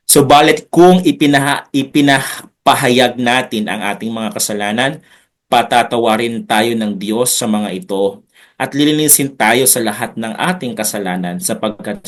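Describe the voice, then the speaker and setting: Chatty, unhurried man pastor teaching. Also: mid-range voice. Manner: unhurried, chatty preaching with jokes and asides. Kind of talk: Bible study teaching.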